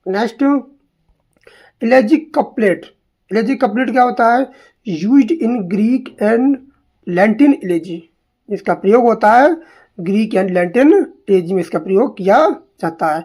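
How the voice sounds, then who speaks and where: A woman's voice: mid-range voice, a little mellow. A woman teaching literary terms for an exam, asking questions and answering them herself, repeating each term. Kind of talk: exam-prep literature lesson in Hindi-English mix.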